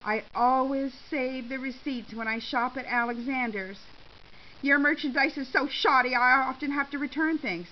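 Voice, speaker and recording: A woman reading a story, voicing a feisty older woman shopper in a slightly higher, brassy voice. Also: moderate pace, natural voice. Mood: defiant. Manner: defiant, brassy. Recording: slightly dull with faint hiss.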